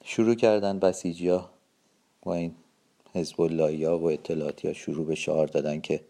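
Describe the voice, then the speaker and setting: A man's voice: sits low, level tone, mellow. A man giving a personal eyewitness account, telling it vividly with tense quoted dialogue.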